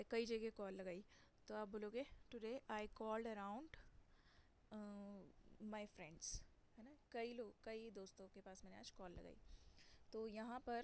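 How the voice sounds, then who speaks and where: A young woman teaching English phrasal verbs in Hindi, repeating each word slowly with emphatic stress. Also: mid-range voice, a little mellow. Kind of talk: slow Hindi-English vocabulary lesson.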